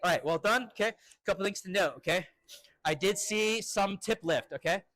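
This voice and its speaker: A male fencing instructor running a live drill with crisp, short commands and encouraging words. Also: high-pitched, moderate pace, a bit bright, no room sound, studio quality.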